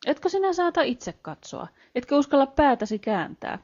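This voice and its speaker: A woman's voice: high-pitched, sing-song, darkish tone, pitched above the performer's own voice. Woman reader doing a proud peasant husband, curt evasive replies, dull lo-fi audiobook sound. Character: proud peasant husband hiding his fear.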